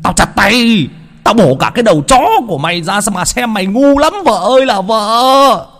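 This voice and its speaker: A man voicing a hot-tempered older husband who yells and stammers abuse in a ghost story. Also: on the low side, rapid-fire. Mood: raging, shouting. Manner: yelling, stammering in rage. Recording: long hall reverb.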